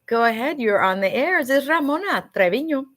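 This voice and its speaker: A woman with a high, animated voice speaks briskly as a community radio host. She chatters to warm up, switching between English and Spanish while introducing a call-in guest.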